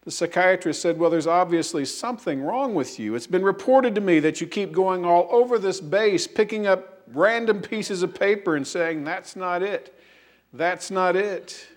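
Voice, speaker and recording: Pastor preaching a sermon, man. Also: high-pitched. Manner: storytelling, animated quotes, slow emphatic repetition.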